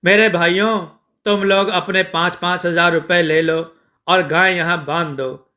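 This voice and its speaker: A man voicing a greedy middle-aged moneylender who frets and pleads, in a slow, bright voice. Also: high voice, fairly even intonation. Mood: pleading. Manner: fretful, pleading, then remorseful.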